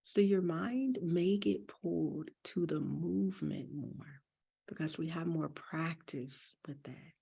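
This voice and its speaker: A woman meditation teacher with a deep, mellow, husky voice and some fry leads a breathing exercise. She moves slowly through soothing instructions, speaking gently and with care.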